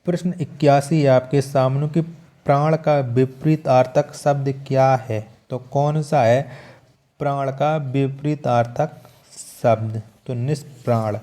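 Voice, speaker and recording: Teaching an exam-prep lesson, a man reads out questions and answers and repeats key points for emphasis, instructionally. His voice is mid-range and mellow, with fairly even intonation and an unhurried pace.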